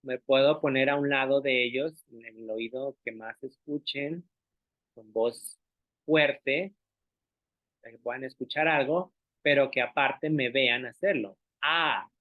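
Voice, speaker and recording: A male language teacher speaks at an ordinary pitch, patiently walking his listeners through each step and checking that they follow along. His voice comes through a narrow, tinny, phone-like line with no trace of room reverb. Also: fairly even intonation, normal speed. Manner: patient, explanatory, often asks for agreement and models sounds aloud. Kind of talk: explanatory online talk. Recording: dry, tinny phone-like sound.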